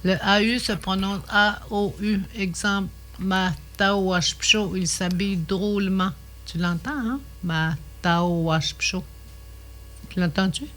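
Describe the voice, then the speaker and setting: An older woman, teaching a radio language lesson, slow and patient, repeating each word carefully. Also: medium pitch, steady tone.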